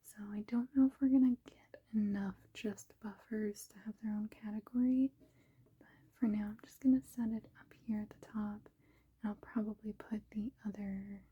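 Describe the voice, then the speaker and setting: A woman whispering softly in an unhurried ASMR ramble, with a breathy, husky voice and short, gently paused phrases. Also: mid-range voice, fairly even intonation, phone-quality sound. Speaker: ASMR video host.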